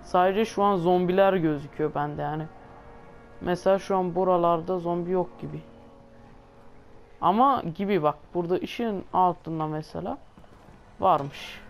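With a fairly low voice at normal speed and long pauses, a woman grumbles through gameplay commentary for her channel. She curses constantly, sounds exasperated, and addresses her viewers directly; a faint hiss or hum sits in the audio.

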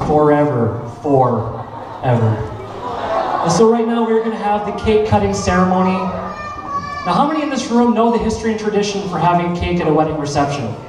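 Upbeat wedding DJ in an echoing barn hall. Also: male voice, high voice, background noise. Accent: Minnesotan. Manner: upbeat, playful announcer. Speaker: wedding DJ and master of ceremonies. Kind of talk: lively emcee patter at a wedding reception. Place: large wooden barn event hall, indoors. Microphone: handheld microphone through the PA, picked up from afar. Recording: echoey hall from far off.

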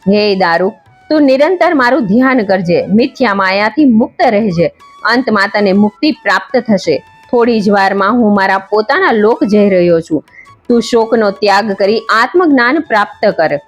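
Calm divine god, as a woman narrator reads him. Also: medium pitch, normal speed, soft background music, natural voice. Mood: serene. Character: calm divine male god consoling mortals.

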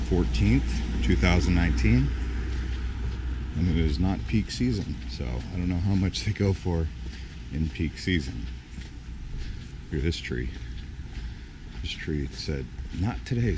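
A low-voiced man narrates a relaxed walking tour in a casual, offhand way with small jokes. He is recorded outdoors on a camera mic while walking, with street traffic clearly heard in the background. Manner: relaxed, offhand, joking asides. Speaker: travel vlogger. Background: street traffic noise.

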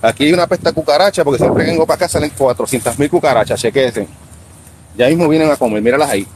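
A man in his fifties with a Puerto Rican accent, rambling casually on a live stream outdoors by a beach, talking to himself and halting when he tries English. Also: fairly high pitch, darkish tone, slight background noise, rough recording. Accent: Puerto Rican Spanish. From Puerto Rico. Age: 50s.

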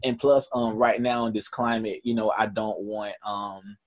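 A man's voice: on the low side, steady tone, normal speed. A man in his twenties with a Southern US accent, speaking earnestly in a conversational interview with many fillers and restarts. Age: 20s. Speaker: camp founder.

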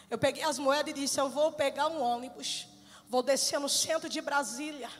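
A woman voicing a desperate unemployed man, speaking low and heavy, in a live church hall with music behind. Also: a bit bright, a little hiss or hum. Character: desperate unemployed middle-aged man, bitter.

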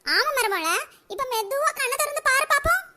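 Woman playing cartoon mother-in-law, older, Kanyakumari Tamil accent, piercing high pitch, bright squeaky tone. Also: expressive, brisk, heavily acted. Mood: coaxing. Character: scheming old mother-in-law turned loving, village woman. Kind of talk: comedy cartoon voice acting.

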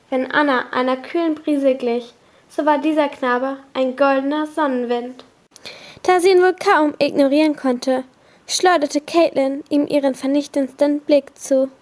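A woman reading a novel aloud in a steady, expressive storytelling manner. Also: high-pitched. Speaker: audiobook reader.

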